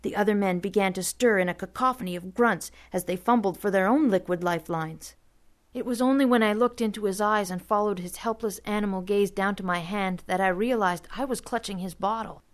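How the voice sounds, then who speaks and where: A woman narrating a first-person story as an audiobook, steady and vivid. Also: mid-range voice, fairly quick.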